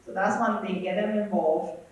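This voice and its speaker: A man's voice: high voice, steady tone, moderate pace. Guy from thailand answering questions on stage, stop-start with lots of fillers, big echoey hall, far off mic. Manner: hesitant, repeats words, many fillers. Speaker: guest speaker. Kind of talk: conference interview answers.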